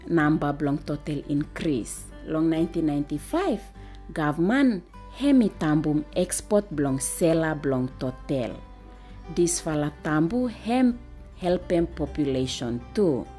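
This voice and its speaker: A woman's voice: low voice, animated, measured pace, warm tone, soft background music. A woman with a Solomon Islands accent reading scripted documentary narration in Solomon Islands Pidgin. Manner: speaks in Solomon Islands Pijin.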